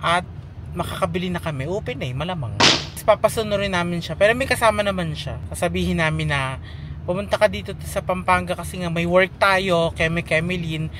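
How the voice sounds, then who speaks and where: Excitable joking vlogger on a noisy street. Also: medium pitch, fairly quick. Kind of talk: casual vlog chat. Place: outdoors on city streets and in a phone shop. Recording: busy street noise. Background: traffic noise.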